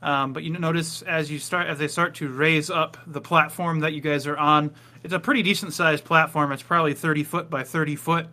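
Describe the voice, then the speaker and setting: Man, game master narration, improvised, bright tone, slightly high pitch. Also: fairly even intonation, fairly quick, few pauses. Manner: loose, filler-heavy improvised narration.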